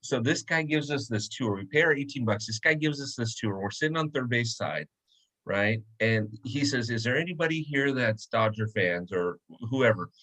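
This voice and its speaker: A man's voice: mid-range voice, animated, normal speed, fairly bright tone, low-quality recording. A man hosting a casual interview, telling a long story and acting out quoted lines. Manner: chatty storyteller, acts out quotes. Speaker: host. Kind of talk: casual video chat interview.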